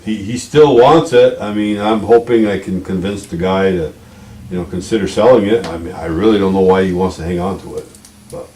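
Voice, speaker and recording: A man's voice: low voice, a little fast, mellow. A man giving an informal report as a local official at a board meeting. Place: indoor village board meeting room. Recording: roomy, distant mic with background noise.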